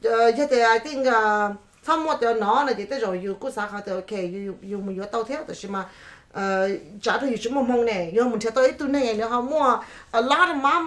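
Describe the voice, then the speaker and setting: A woman's voice: fairly high pitch, expressive, fast talker, a bit bright. A woman on a talk show panel speaking casually, switching between English and another language.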